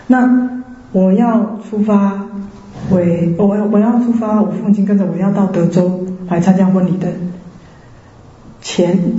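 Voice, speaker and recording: A Taiwanese woman with a Taiwanese Mandarin accent shares her personal faith testimony in a lively, storytelling way, slipping into the voices of the people she quotes. Her voice is mellow and dark-toned. The recording sounds roomy and a little dull. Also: medium pitch. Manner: lively storyteller who acts out quoted voices and laughs often. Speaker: church member giving testimony.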